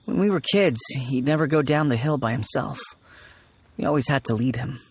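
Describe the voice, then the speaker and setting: A man's voice: mid-range voice, moderate pace, breathy edge, no echo. An actor playing an earnest, polite and kindly young man in a video game. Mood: fond, relieved. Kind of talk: video game character dialogue. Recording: faint music behind the voice. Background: faint game music.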